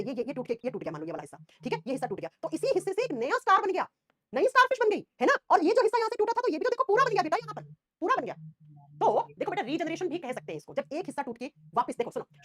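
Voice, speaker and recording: A young woman teaching a science class online, animated, repeating key terms and fondly calling students "beta". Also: high-pitched.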